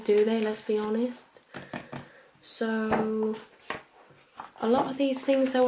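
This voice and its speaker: A woman playing a friendly, chatty librarian in a soft-spoken, gentle and informal ASMR role-play. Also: mid-range voice, background noise, lightly acted. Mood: soft, helpful. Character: friendly, chatty female librarian recommending books.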